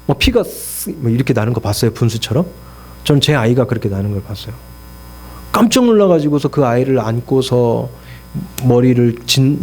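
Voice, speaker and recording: A middle-aged male pastor preaches a sermon, animatedly telling stories, acting out complaints and prayers in his own voice, and often putting rhetorical questions to the congregation. His voice is medium-pitched and a little mellow, with a little hiss or hum.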